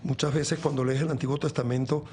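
A man's voice: medium pitch, little pitch movement, fast, darkish tone, slight background noise. Earnest Venezuelan man in his sixties. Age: 60s. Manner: earnest, rambling, many restarts. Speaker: guest. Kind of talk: reflective faith talk in an interview.

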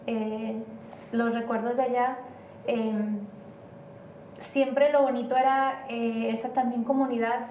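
Speaking slowly with long pauses, this Mexican interview guest has a high-ish voice with a darkish tone and a flat delivery. Her casual talk is rambling and hesitant, peppered with fillers. The recording feels roomy and distant, and some faint noise is audible.

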